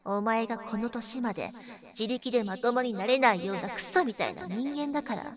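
A woman's voice: fairly high pitch, a little fast, crowd noise, close to an everyday voice. A young woman playing a cruel, domineering woman in an audio role-play, speaking in a coarse, mocking, contemptuous way.

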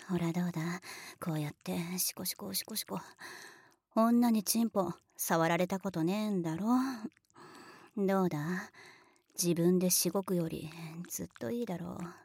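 Acting as a brash big sister with a tomboyish streak, a young woman speaks down to you with blunt, boyish bossiness and teasing laughs. Her natural, middle-pitched voice is captured dry and up close with no room sound, and parts slip into hushed, coaxing whispers. It's an adult audio role-play drama, partly whispered.

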